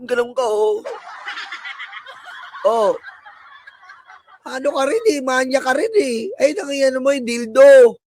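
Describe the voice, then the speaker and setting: A man's voice: extremely high pitch, a little slow, pauses often, noisy background. A man with a Filipino accent hosting a live stream, ranting at his critics in a mocking, sneering way and laughing at his own jabs. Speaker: political livestream commentator.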